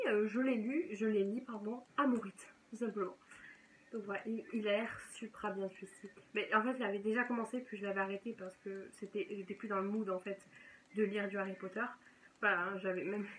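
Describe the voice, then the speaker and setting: A woman's voice: mid-range voice, a little hiss or hum, poor audio. A young woman chatting casually and enthusiastically as a book vlogger, often correcting herself mid-sentence. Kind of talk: casual chat.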